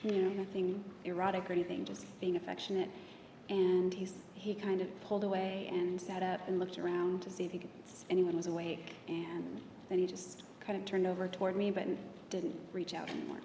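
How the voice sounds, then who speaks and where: Soft, flat woman testifying in court. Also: fairly low pitch, fairly quick, gravelly, hardly any pauses, a little hiss or hum. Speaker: testifying witness. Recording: distant, echoey courtroom audio with long reverb.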